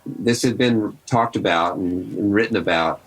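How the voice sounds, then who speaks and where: A man hosting a podcast, telling the story behind old recordings in a relaxed, conversational and enthusiastic way. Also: lowish voice, moderate pace, husky, rough recording. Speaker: podcast host. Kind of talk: casual storytelling commentary.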